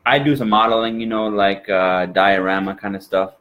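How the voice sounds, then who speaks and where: A man's voice: fairly low pitch, fairly even intonation, moderate pace, narrow, tinny audio, background noise. A man from Minnesota with an exaggerated Minnesota accent, chatting as an interview guest in a folksy, rambling way. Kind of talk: casual interview chat.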